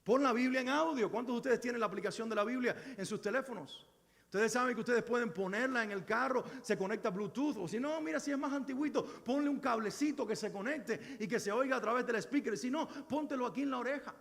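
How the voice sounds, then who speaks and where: High-voiced man preaching in an echoey hall. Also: fast talker, gravelly, a bit bright. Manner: earnest, exhorting, with rhetorical questions. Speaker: pastor. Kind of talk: sermon. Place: church sanctuary.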